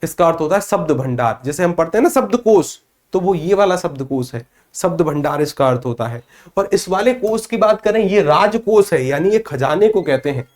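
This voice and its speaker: A man teaching a spoken grammar lesson, sounding out letters slowly and putting questions to the class that he then answers himself. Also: fairly high pitch, expressive, a little mellow. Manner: explains by asking questions and answering them himself. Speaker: Hindi teacher.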